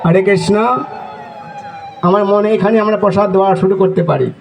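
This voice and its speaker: A man giving a devotional sermon at a gathering, preaching slowly and rising to shouted chant calls. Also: sits high, vocal fry, a little hiss or hum. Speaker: monk giving a talk. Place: gathering of devotees at a memorial festival.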